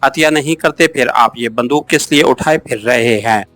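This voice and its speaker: A man's voice: mid-range voice, moderate pace, a bit bright, no room sound, close to an everyday voice. A man voicing a friendly carriage driver. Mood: easygoing. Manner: easygoing, good-natured.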